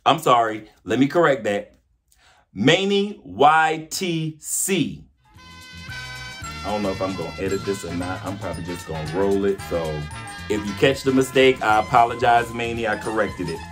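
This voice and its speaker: A man who hosts a cooking channel casually calls out names in a playful, chatty vlog giveaway. His voice is lowish and brisk, with music playing behind it.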